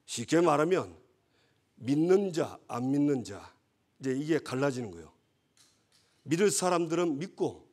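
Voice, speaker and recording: Husky man preaching. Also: a little high, darkish tone. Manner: conversational, asks the congregation for agreement. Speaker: pastor. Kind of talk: sermon.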